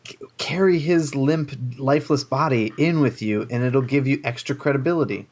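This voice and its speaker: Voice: medium pitch, normal speed, a little mellow. A player in a tabletop role-playing game, talking casually while proposing moves to the group.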